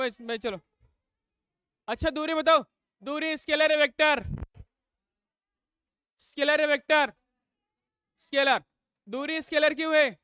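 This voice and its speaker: A man's voice: extremely high pitch, sharp tone, no echo. A man teaching a live class. He fires call-and-response questions at his students and scolds the noisy ones.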